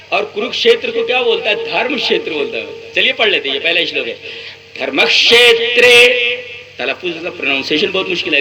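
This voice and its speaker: A man, an Islamic scholar, giving a religious lecture, explaining point by point with rhetorical questions and slowly reciting verses. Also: sits high. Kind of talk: religious lecture comparing scriptures. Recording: noisy lecture recording.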